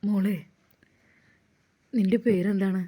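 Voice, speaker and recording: A kindly young male cleric speaks in a lowered, gentle voice, as a woman narrator puts him on. He asks soft, concerned questions and stays calm and caring. This is a told Malayalam-style storybook reading done by one voice. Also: slow, noisy background, lightly acted.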